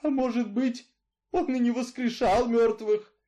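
A man's voice: expressive, a little slow, a little mellow. A man voicing a frantic, pleading old grandmother in a read-aloud story. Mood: bewildered. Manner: shrill, pleading, desperate.

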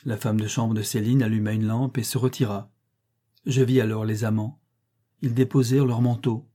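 A man reading the lines of a brooding, bitter middle-aged gentleman in a slow, declamatory way. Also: mid-range voice, level tone, lightly acted. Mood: recounting.

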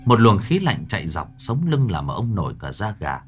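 Male narrator for a horror audiobook; dramatic telling with lively, rising and falling pitch. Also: moderate pace, husky, soft background music. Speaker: storyteller.

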